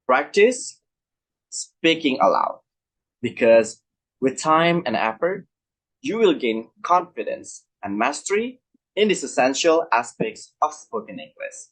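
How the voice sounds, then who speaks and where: A young man presenting a scripted English lesson, explaining points clearly and speaking directly to his viewers. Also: mid-range voice, rough recording. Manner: lively, instructive, addresses viewers directly. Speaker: student presenter teaching English.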